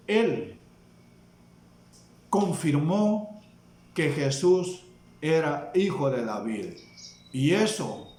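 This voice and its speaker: A man with a Salvadoran Spanish accent preaching a sermon, slow and emphatic, asking the congregation questions. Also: a little high, a little mellow. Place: church hall. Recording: echoey church room.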